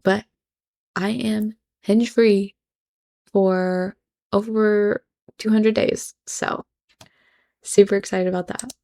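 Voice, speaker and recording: Gravelly-voiced woman, blunt reaction host. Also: medium pitch, little pitch movement, slow, long pauses, darkish tone. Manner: blunt, sarcastic and judgmental. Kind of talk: reaction commentary.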